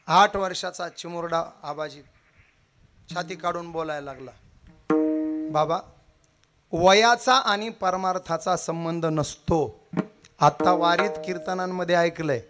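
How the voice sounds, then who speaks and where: A man's voice: fairly high pitch, measured pace, pauses often, fairly bright tone, soft background music. A man telling a devotional story, dramatic and acting out the characters' cries. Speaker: kirtan preacher.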